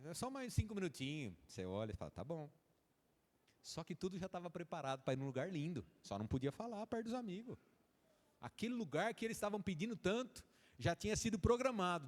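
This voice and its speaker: A man's voice: high voice, animated, fast talker. A Brazilian man preaching a sermon in a folksy way, acting out little dialogues between a father and his children. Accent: Brazilian Portuguese. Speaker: pastor. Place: church. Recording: church hall reverb.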